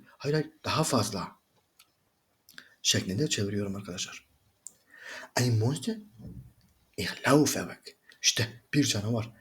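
Man reading German slowly, translating briskly. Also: mid-range voice. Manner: reads German slowly, then translates in quick conversational asides. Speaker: German teacher. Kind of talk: reading a German reader aloud and translating line by line.

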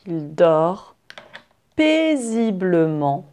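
A woman teaching French, telling a fable to learners in very clear, repetitive phrasing. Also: on the low side, very animated, extremely slow, dark tone. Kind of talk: slow storytelling for learners.

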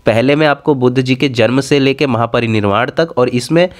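A man's voice: mid-range voice, a little fast. A man teaching an exam-prep lesson in a casual way, repeating key points and asking the viewer quiz questions.

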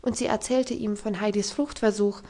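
A woman reading a classic novel aloud as audiobook narrator, with a steady storytelling delivery. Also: mid-range voice, moderate pace. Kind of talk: scripted narration.

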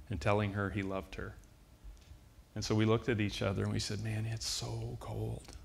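A man in his sixties preaches with a somewhat low voice. He tells his story earnestly and from the heart. He slows down to lean on key phrases. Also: creaky. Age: 60s. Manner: earnest, heartfelt storytelling with slow, emphatic repetitions. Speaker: pastor. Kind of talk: sermon.

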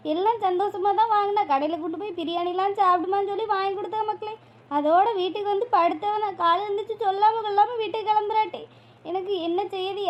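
A woman's voice: very high voice, muffled recording. A woman voicing a grieving old village mother, weepy and pleading. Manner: weepy, pleading, calls listener "makkale".

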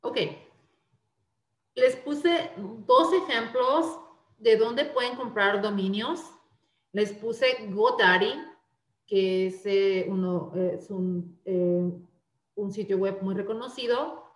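A woman's voice: mid-range voice, takes it slowly, roomy sound. A woman instructor giving an online class presentation with slides, explaining step by step with frequent "eh" fillers and restarts.

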